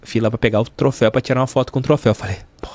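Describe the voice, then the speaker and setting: With a mid-range, steady, slightly mellow voice, a middle-aged Brazilian sports journalist with a Rio de Janeiro state accent races through his words in a dry recording. He's a guest being interviewed in a podcast studio, telling stories casually yet emphatically and repeating phrases to stress them.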